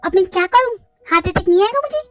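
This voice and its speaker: A woman's voice: extremely high pitch, animated, quick pace. A woman voicing a strict middle-aged mother who is ill and scolds her daughter. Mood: scolding. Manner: scolding, insistent.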